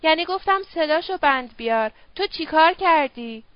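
A woman reading the lines of a brutal male henchman, shouting abuse. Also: sits high, animated, dry recording. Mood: furious. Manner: shouting, abusive. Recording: dull dry lo-fi audio.

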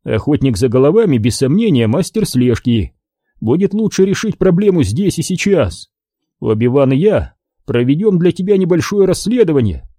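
A man voicing a calm, wise older male mentor, measured and steady, in an audiobook. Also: a little high, no echo, clean studio sound, voice pushed up.

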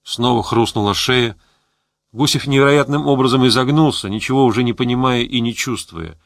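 Male audiobook narrator, mid-pitched, measured steady reading, dry close studio sound. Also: gravelly, no room sound. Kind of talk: scripted narration.

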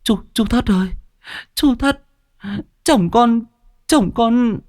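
A man voicing a frantic young village wife, wailing and pleading in a high falsetto. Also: slow pace, darkish tone, dry recording, clean studio sound.

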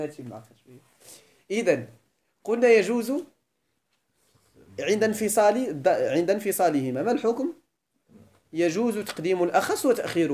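This Arabic grammar lecture comes from an Islamic scholar, a man with a Moroccan accent and a high, warm voice. He goes back and forth between classical Arabic and Moroccan dialect, frequently checking that everyone understands.

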